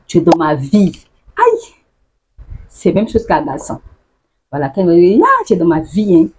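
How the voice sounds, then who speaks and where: A woman vlogger who laughs often and acts out the phrases she explains in a casual, lively way. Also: lowish voice, slightly rough. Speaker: YouTuber explaining local slang.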